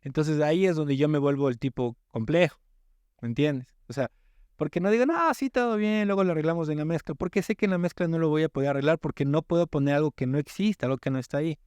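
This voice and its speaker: A man's voice: fairly high pitch, quick pace, a little mellow, clean tone, no echo. Emphatic man explaining in a dry room. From Ecuadorian coast. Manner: emphatic, explanatory, repeats words when starting. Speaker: guest music producer. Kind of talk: casual podcast chat.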